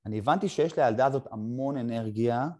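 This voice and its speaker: A middle-aged man hosts a casual conversation. He tells a personal story in a halting way, with short pauses between phrases. His voice has a mellow, darker tone. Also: mid-range voice. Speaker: podcast host.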